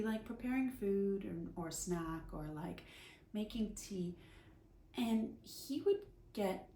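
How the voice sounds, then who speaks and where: A woman in her forties, a storyteller and vlogger, shares a personal story in a candid, conversational, emphatic way. Her voice is mid-range and mellow. The recording has a roomy echo and faint background noise.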